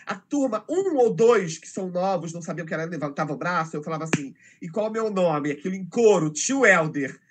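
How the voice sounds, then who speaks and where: A man's voice: sits high, lively intonation, a little fast, few pauses, noisy background. A middle-aged Brazilian man telling emotional stories about teaching children in a casual conversation, acting out their voices. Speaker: teacher, interview guest.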